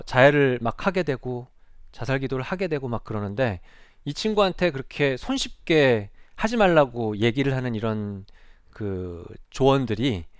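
A man's voice: medium pitch, clear, resonant tone, no echo, studio quality. A middle-aged man, a psychiatrist, giving a public lecture on a stage. He talks in an earnest, conversational way and often puts rhetorical questions to the audience.

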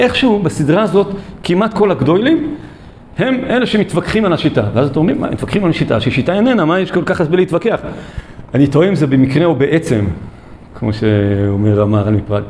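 Mellow-voiced man teaching, halting with fillers. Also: on the high side, slight background noise. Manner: hesitant, many drawn-out fillers. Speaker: Torah teacher. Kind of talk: recorded Torah lesson.

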